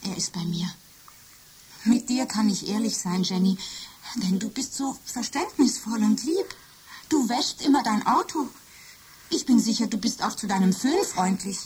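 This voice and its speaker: A woman playing a lovesick, jealous female office computer in a radio drama, speaking softly and often in a whisper. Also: fairly high pitch, expressive, normal speed, husky. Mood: obsessive, tender. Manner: soft, intimate, often whispering. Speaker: computer character.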